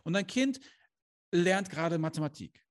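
A man's voice: high voice, lively intonation, moderate pace. A man speaking as a life coach straight to the camera, earnest and direct, asking rhetorical questions and dropping into emphatic bursts, with Islamic phrases woven in. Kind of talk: motivational coaching talk to camera. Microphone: camera he adjusts himself.

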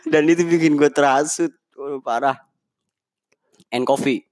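A man's voice: a little high, unhurried, darkish tone, dry recording. Young man in dry casual banter. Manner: laughs often, mixes in English words. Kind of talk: casual chat.

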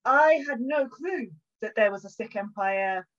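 Guesting on a podcast, this young Buckinghamshire-born historian speaks in a southern English accent with a slightly bright, expressive, somewhat high voice at a measured pace. She shares stories casually and pokes fun at herself, though the recording is dull and band-limited.

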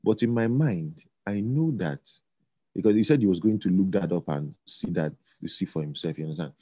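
A man talking in a relaxed conversation, halting and repeating himself with many fillers. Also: sits low, dry recording. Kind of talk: casual conversation. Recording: dull lo-fi sound.

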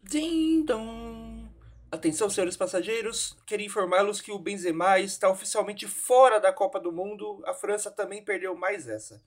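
A woman's voice: mid-range voice, moderate pace, voice pushed down. A woman doing a pilot's cabin announcement. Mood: announcing. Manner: formal announcer tone, chime spoken aloud. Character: mock airline pilot making a cabin announcement. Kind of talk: comic bit in a casual podcast.

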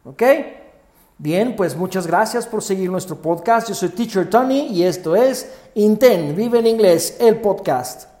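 A man's voice: sits high, animated, measured pace, warm tone, echoey room. A man hosting a podcast English lesson, patiently repeating words for listeners to say with him. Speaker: English teacher, podcast host.

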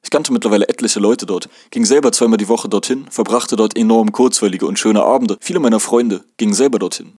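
A man from Germany reading his first-person memoir aloud in a measured, calm way. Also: on the low side, no echo, clean studio sound. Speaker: narrator.

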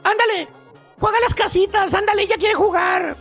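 A man's voice: very high-pitched, brisk, a bit bright, faint music behind. A man doing a doting, cooing mother. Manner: cooing, pleading, babying. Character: doting overprotective mother, woman, fussy and tender.

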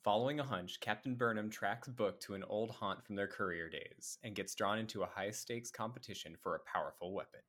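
A man's voice: fairly low pitch, fairly quick, hardly any pauses, fairly bright tone. A man hosting a casual podcast, introducing the show and reading a recap in an easygoing way. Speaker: podcast host. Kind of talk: casual chat.

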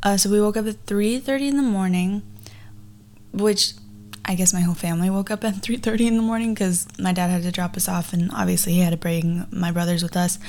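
A woman's voice: mid-range voice, fairly even intonation, fairly quick, a little mellow, a little hiss or hum. Chatty young woman podcasting from a garage. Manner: chatty and rambling, frequently backtracking. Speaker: podcast host. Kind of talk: casual personal storytelling podcast. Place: recorded in a garage.

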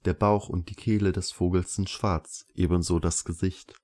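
Male audiobook narrator, low and mellow, calm and measured first-person reading.

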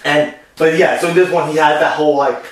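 A man's voice: a little high, steady tone, fairly quick. A man chatting casually about a stage show and its film, rambling with lots of fillers and restarts. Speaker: co-host discussing a musical and its film. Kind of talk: casual chat. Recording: echoey room, distant from the mic.

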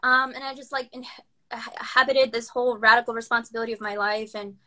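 A woman in her late twenties from the United States, a doctor talking as a podcast guest on a live video call, animated and laughing often. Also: a little high, fast. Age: 20s. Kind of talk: casual conversation. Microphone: phone on a live video call.

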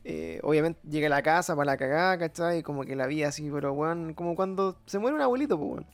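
A man's voice: on the high side, fast talker, no room sound, faint music behind. A man with a Chilean accent sharing a memory in rambling, slang-filled casual chat. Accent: Chilean Spanish.

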